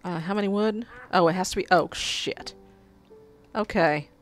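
Over soft background music, a woman with a fairly low voice plays a video game at a normal pace, reading quest text aloud and swearing at her mishaps. She has a cold and is sucking on a cough drop during this casual let's-play commentary.

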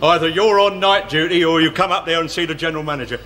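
A man's voice: fairly high pitch, fast talker, heavy background noise, natural voice. An actor playing a smug, petty bus depot inspector in a 1970s TV sitcom. He talks with an English accent, gloats and mocks, and chuckles as he goes. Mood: gloating.

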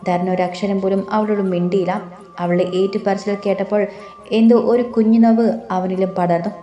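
A woman reading a novel aloud as narrator, with steady, even storytelling, in a roomy space. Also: mid-range voice, brisk, muffled recording. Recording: roomy echo.

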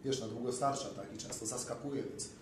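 A man's voice: mid-range voice, a little fast. A man in his forties, a trainer and dietitian, chatting casually and filling his talk with asides. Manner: talkative, fills with "wiesz". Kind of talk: casual conversation. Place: bright office room. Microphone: far camera. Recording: echoey room from far off with noise.

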